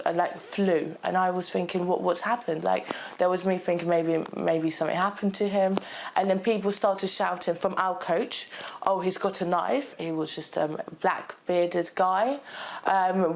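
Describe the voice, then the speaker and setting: Gravelly, flat-voiced young woman witness. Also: on the low side. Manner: rambling, with fillers. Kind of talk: news interview clip.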